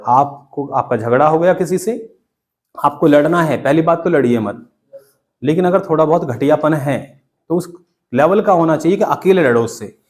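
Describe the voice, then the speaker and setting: A man's voice: a little high, moderate pace, darkish tone. A middle-aged man with an Indian accent teaching English in a class, chatty and scolding with jokes. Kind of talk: classroom lecture.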